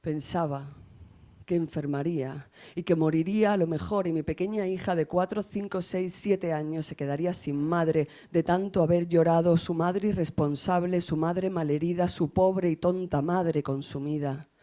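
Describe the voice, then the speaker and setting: A woman from Spain reading her own poetry aloud in a measured, grave and intimate way, with a Spanish accent from Spain. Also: on the low side, fairly even intonation, dark tone. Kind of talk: poetry recitation.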